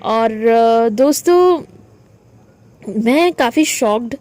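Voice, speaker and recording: A woman vlogger speaking to her viewers in an indignant, animated monologue, often restarting her sentences. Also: on the high side, very slow. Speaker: spiritual content creator.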